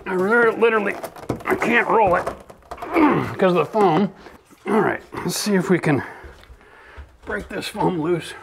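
A man's voice: high-pitched, unhurried, creaky, long pauses, background noise. A middle-aged man hosting a DIY renovation video, chatty and upbeat, explaining his work in a gutted bathroom. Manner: upbeat, chatty, swears and laughs freely. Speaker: renovation channel host. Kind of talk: casual DIY walkthrough.

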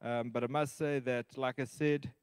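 Plain halting man, dry. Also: mid-range voice, fairly even intonation, smooth, no room sound, low-quality recording. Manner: plain, halting, many ums between items. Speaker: church treasurer giving financial report. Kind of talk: reading a financial report at a church meeting.

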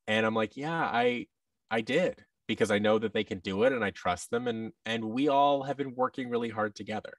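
Speaking briskly in a lowish voice, this thirtysomething American voice actor is an interview guest, frequently starting over and performing bits of dialogue in casual conversation. He joins by video call from a big room with tables using a headset with a boom-arm mic; the sound is clean and studio-like with no room tone, though he seems distant.

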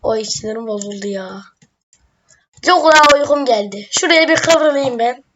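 A woman's voice: a little high, lively intonation, moderate pace, fairly bright tone, highs cut off, slight background noise. A woman giving casual game commentary, playful and swearing jokingly. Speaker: gamer.

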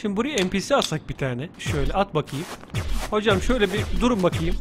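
A man doing playful let's play commentary, joking and teasing with excitable outbursts. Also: high-pitched, quick pace, over music. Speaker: gaming YouTuber.

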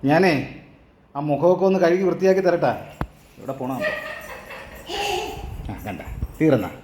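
A mother talking to her little children in a low voice that rises and falls a lot. She coaxes and soothes them in an easy, homey way. Faint noise sits under the recording. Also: animated, a little slow, dark tone. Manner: coaxing, soothing talk to small children. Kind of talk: casual family chat.

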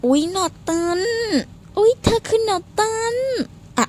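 A woman with a high-pitched voice chats through her gameplay in a loose, excitable way. She squeals, mutters and swears playfully at the game, always talking to her viewers. Faint background noise sits under her voice. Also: takes it slowly. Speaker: game streamer. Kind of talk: casual gameplay commentary.

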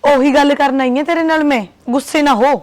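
A woman's voice: high voice, steady tone, fairly quick, lightly acted. A woman playing a gossipy daughter-in-law who talks a neighbour round. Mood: coaxing. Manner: persuasive, chatty, gossiping about her mother-in-law. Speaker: daughter-in-law in a comedy sketch. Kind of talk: comic village drama.

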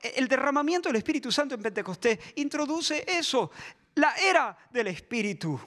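A man from Spain, preaching a sermon in a church, impassioned, shifting between shouts and soft asides. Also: very high-pitched, sing-song, a little fast. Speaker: pastor.

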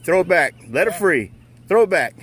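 A man's voice: sits high, big pitch swings, normal speed, fairly bright tone. A man in his forties, filming his own fishing trip on a harbor pier and chatting casually and easily as he goes. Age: 40s. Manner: easygoing, chatty, laughs often. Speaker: fishing vlogger. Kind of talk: casual outdoor vlog commentary. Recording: outdoor harbor noise.

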